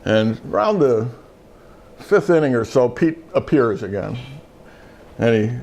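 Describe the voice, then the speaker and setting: A man's voice: mid-range voice, big pitch swings, unhurried, vocal fry, darkish tone, a little hiss or hum. An older man, a retired judge and show host, telling a rambling story in casual chat with many fillers and restarts.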